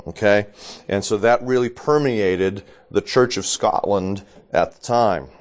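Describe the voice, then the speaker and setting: A man teaching a small church class, deliberate and lightly joking, checking in with his listeners and coughing now and then. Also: on the low side. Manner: deliberate, adds joking asides and checks in with "okay?".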